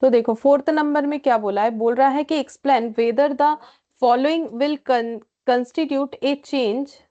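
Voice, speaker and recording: A woman teaching an accounting class. She reads English questions slowly and explains them in Hindi, often checking in with "theek hai". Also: high voice, mellow, dull audio. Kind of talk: classroom lecture.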